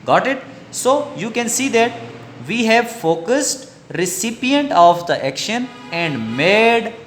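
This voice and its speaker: A man's voice: sits high, sing-song, takes it slowly, a bit bright, soft background music. A man with a Pakistani English accent giving a recorded grammar lecture, repeating each key sentence twice.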